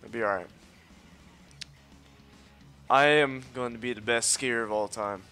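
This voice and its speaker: A mid-range male voice at a measured pace delivers live gameplay commentary as a let's play host, faint music playing behind. He's excitable, cocky, and boastful, swearing frequently and yelping at every mishap.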